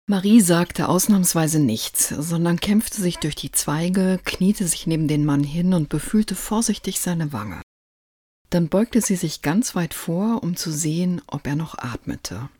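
A narrator reading a story aloud in a calm, even storytelling manner. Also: mid-range voice, a little slow, husky, no room sound, clean studio sound.

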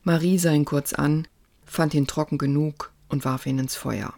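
A narrator reading a story aloud in a calm, even storytelling manner. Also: medium pitch, moderate pace, gravelly, no echo.

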